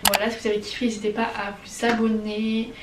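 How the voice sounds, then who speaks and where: A young woman from France with a French accent, chatting casually and excitably as she answers viewer questions in a vlog. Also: medium pitch, brisk, roomy sound, far from the mic, a little hiss or hum. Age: young adult. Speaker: vlogger.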